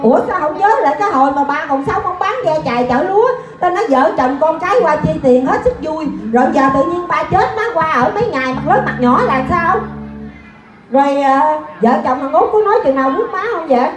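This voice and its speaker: Fussing, hypocritical daughter played by a woman, Southern Vietnamese accent, high-pitched and exclaiming, roomy sound with music. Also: expressive, fairly quick. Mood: indignant. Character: bossy, chattering daughter who overworks her mother. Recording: echoey stage with music.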